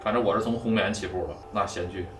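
A man's voice: low-pitched, fairly even intonation, fast talker, recorded from a distance, very noisy. A man explaining things as a guitar technician in casual, colloquial chat.

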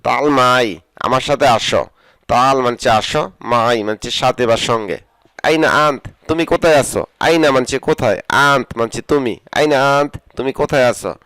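A Bengali-speaking man teaching spoken Arabic, saying each phrase, repeating it slowly and translating it. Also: medium pitch, fairly bright tone, clean tone, no echo. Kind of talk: spoken vocabulary lesson.

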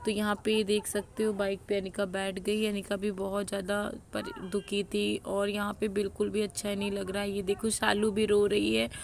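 A young woman from Uttar Pradesh narrates her family vlog in a chatty way, talking straight to her viewers. Her voice has a gravelly, creaky texture and stays fairly level in pitch. A faint noise sits under her voice. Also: little pitch movement, moderate pace, few pauses. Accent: Uttar Pradesh Hindi. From Uttar Pradesh, India. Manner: chatty, addresses viewers as guys. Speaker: family vlogger. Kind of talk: casual vlog narration over footage.

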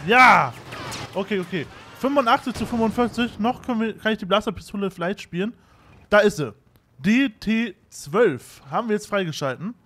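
A man narrates his own gameplay in a high, animated voice, swinging quickly between dry jokes and loud outbursts. His pitch jumps all over as he reacts to each moment. A clear wash of game noise sits behind him. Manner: excitable, self-mocking, shouts at fails. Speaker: gaming YouTuber. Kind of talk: gameplay commentary.

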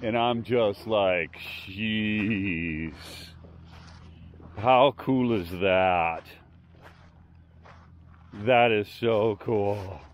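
Older guy in his 60s, low-ish voice, laid-back excited travel vlog chat outside, bit of background noise. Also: extremely slow, pauses often, dull audio. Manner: relaxed, enthusiastic, rambling. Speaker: travel vlogger. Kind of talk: casual travel vlog narration. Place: outdoors by a glacier lagoon and roadside.

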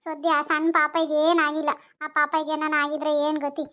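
A woman's voice: high voice, completely flat delivery, normal speed, bright, forceful tone. A woman voicing a worried, chatty village woman in a cartoon. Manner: fretful, chatty. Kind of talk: cartoon voice acting.

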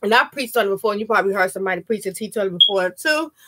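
A woman's voice: mid-range voice, racing. A woman pastor giving an earnest sermon with frequent amens, her throat slightly scratchy. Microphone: webcam. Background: music.

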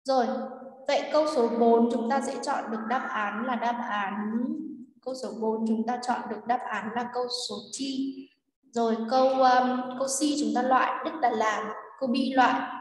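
Woman English teacher, Vietnamese accent, patient and repetitive, a bit high, recorded far off in a reverberant room. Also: steady tone. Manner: repeats words slowly, checks in with students. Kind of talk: explaining a quiz lesson. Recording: echoey room, voice far from mic.

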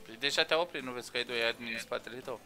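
A man's voice: medium pitch, sharp tone, faint music behind. A man in his twenties from Romania, chatting casually with friends while streaming a driving game, joking around. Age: 20s. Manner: joking, bursts into mock French and broken English. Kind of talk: casual gaming chat with friends.

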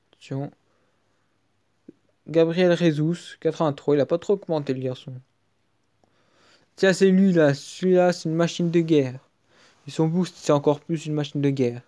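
A French-accented man talks through his pack openings in a loose, off-the-cuff way. His voice is mellow and warm. He drops to low mutters, then bursts out in excitement over a good pull. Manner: excitable, trailing off to mutters between outbursts. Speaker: gaming video creator. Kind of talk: casual live commentary while opening card packs. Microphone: screen-recording app mic.

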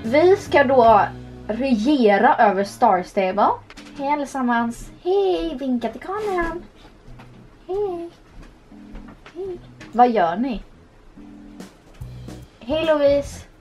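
A young vlogger chats playfully and giggles while playing a horse game, giving casual gameplay commentary. Her voice is high with a darkish tone, recorded at a desk webcam in a small room.

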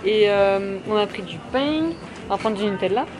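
A woman's voice: mid-range voice, moderate pace, crowd noise. A young woman in her twenties chatting casually and jokingly while she vlogs through the streets and a supermarket, laughing often. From France. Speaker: vlogger. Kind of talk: casual travel vlog chat. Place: streets and a supermarket, indoors and outdoors. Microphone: handheld camera held low at arm's length. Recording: noisy street and shop background.

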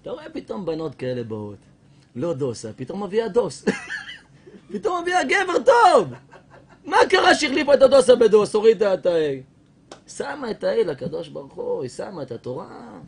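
A rabbi telling a funny story in a Torah lesson, animated and laughing as he talks. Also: sits high, vocal fry, a little hiss or hum.

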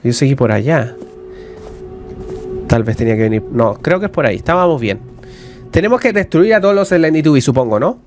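A man giving casual let's-play commentary on a horror game, jumpy and talking to his viewers, yelling when he is attacked. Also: on the high side, lively intonation, brisk, long pauses, over music. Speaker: gaming YouTuber.

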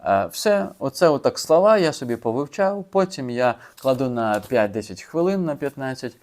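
A man's voice: mid-range voice, big pitch swings, normal speed, a little mellow. A man casually explaining how he learns vocabulary, chatty and informal, with fillers and restarts. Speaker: language learner sharing his method. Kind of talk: casual video lesson.

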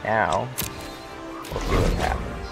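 A young man giving relaxed, wry commentary while playing a card game, thinking aloud with fillers, with hiccups. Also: low-pitched, slow pace, vocal fry. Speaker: gamer. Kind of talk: casual gameplay commentary. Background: loud music.

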